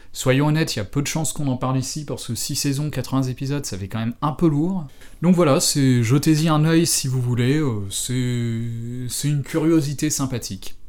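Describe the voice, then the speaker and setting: Man chatting with many pauses. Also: medium pitch. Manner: hesitant, many fillers, steady reading. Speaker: podcast co-host. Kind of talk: casual film chat and book reading.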